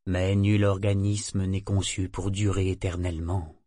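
A man voicing an ancient male sea serpent leader who speaks softly and gravely, without emotion. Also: no echo, studio quality, full character voice. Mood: solemn. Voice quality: husky, low and unhurried. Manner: soft, emotionless, slow and grave. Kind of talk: audiobook character voice.

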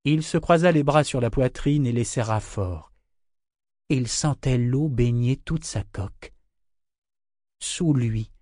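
A man's voice: mid-range voice, darkish tone, no echo. Man narrating a story, dry sound. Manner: measured, storytelling. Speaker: audiobook narrator. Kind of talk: scripted narration.

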